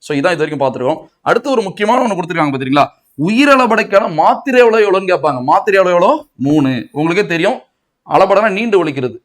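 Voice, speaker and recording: A man's voice: high voice, animated, rapid-fire. A man with a Tamil Nadu accent teaching a grammar class for exam students, asking and answering his own questions. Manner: asks and answers his own questions, mixing in English words. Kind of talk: exam coaching lecture.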